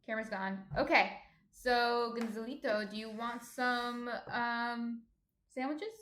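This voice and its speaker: A woman's voice: fairly high pitch, steady tone, measured pace, a bit bright. A woman from New Jersey hosting a cooking livestream in casual, chatty speech. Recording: echoey room.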